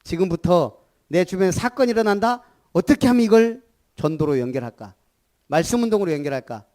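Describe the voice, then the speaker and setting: Animated high-voiced preaching man. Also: brisk. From Gunsan, Jeolla, South Korea. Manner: animated preaching, calls for repetition, rhetorical questions. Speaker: pastor. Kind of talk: sermon.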